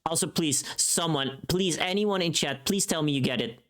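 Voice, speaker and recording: A streamer and voice performer of unclear sex chats casually with a live audience in a mid-range, fairly bright voice at normal speed. While working, they think aloud and hum little tunes between remarks during the livestream.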